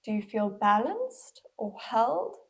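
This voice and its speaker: Very animated yet gentle and unhurried, this woman leads a guided body scan as a mindful movement instructor. Her voice sits on the high side, breathy and slightly husky, with pauses throughout.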